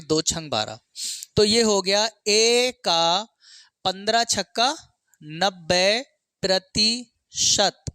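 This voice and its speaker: In a high-pitched voice that is pushed and bright, with a clear, resonant tone and no echo, a man guides students through exam maths problems one step at a time. He poses questions and answers them himself, often adds check words, and slips English terms in along the way.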